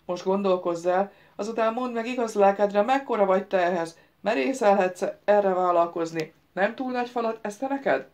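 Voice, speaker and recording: Loud bossy invisible voice, mocking and proud, a lady reader putting it on, audiobook. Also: mid-range voice, voice pushed up, natural voice. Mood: imperious. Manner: loud, commanding, reproachful. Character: unseen booming male voice, imperious, mocking.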